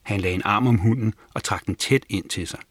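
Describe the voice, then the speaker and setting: A man narrating a children's storybook aloud in a calm storytelling manner, lifting his voice for the characters' lines. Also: on the low side, dry recording, clean studio sound. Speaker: audiobook narrator.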